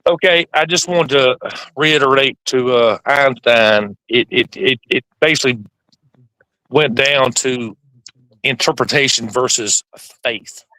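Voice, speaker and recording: A man with a bright, forceful voice, heard over an online call that keeps breaking up, so his words stutter, repeat and cut out. He talks earnestly and circles back over the same words to land his point. The sound is dry and close, with no room around it. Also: medium pitch, measured pace, dry recording, low-quality recording. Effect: internet call breaking up, stuttering and dropping out. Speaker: caller on a call-in panel. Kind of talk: call-in discussion. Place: at home during a thunderstorm.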